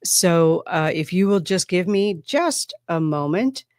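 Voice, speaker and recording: Woman hosting a spiritual podcast, low voice, thoughtful and unhurried, dry close sound. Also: expressive, no echo. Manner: reflective, unhurried, with soft pauses. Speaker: podcast host. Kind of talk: casual spiritual talk.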